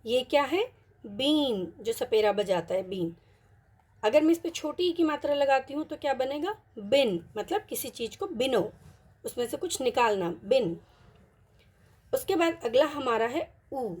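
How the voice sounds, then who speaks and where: Breathy woman teaching Hindi letters. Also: sits high, expressive, a little mellow. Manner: patient, repeats and slows down on example words; mixes English words into Hindi. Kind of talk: online Hindi lesson.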